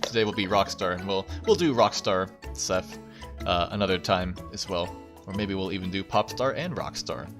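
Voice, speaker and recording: This young man's low, slightly bright voice moves at a moderate pace as he hosts his VTuber livestream over background music. He keeps things casual, puts himself down jokingly, and repeats phrases a lot.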